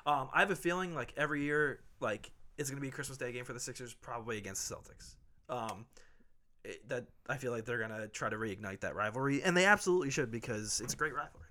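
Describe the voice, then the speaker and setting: Bright-voiced American man hosting sports chat. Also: medium pitch, fast. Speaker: sports podcast host. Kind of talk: casual sports commentary among friends.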